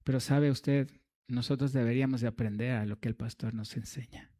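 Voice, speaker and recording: A man's voice: mid-range voice, fairly even intonation, fairly quick, dark tone. A man preaching a sermon in a church, telling a story with humor and asides to the congregation.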